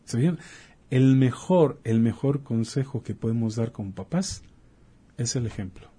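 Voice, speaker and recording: A man with a warm, mellow and slightly husky voice, talking like a doctor on a chat show. He explains by acting out short dialogues and firing off rhetorical questions. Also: medium pitch, normal speed. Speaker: doctor guest. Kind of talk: casual talk-show chat.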